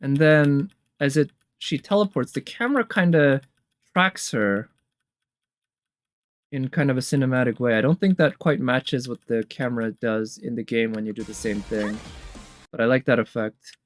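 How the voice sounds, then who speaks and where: A man hosting a game trailer tier list speaks at normal speed in a mid-range voice, with no room sound. Over game trailer music, he offers relaxed, excited reactions and thinks aloud.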